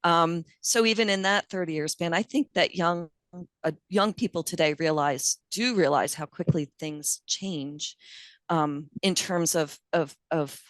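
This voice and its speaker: A woman's voice: fairly low pitch, measured pace, fairly bright tone, no room sound. A woman in her fifties, a nurse and guest, reminiscing thoughtfully in a casual interview and thinking aloud as she goes. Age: 50s.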